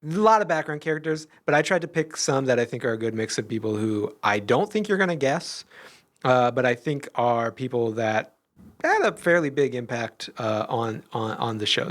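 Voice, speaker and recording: A man co-hosting a podcast, chatting casually, hesitant with many restarts and laughs. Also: medium pitch. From Iowa. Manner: hesitant, restarts often, laughs while talking. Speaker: podcast co-host. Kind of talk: casual chat.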